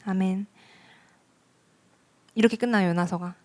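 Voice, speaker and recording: A woman's voice: mid-range voice, steady tone, measured pace, a little mellow. A woman evangelist preaching a sermon at a church worship service, talking earnestly and directly to the congregation. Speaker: youth ministry evangelist.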